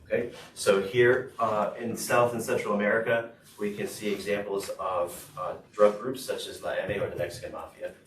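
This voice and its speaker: Deep guy interpreting into english, lots of uhs, distant roomy sound. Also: a little slow, few pauses. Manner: steady, with frequent "uh" and "okay". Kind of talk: consecutive interpreting. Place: school board meeting room. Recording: echoey room, far mic, noisy.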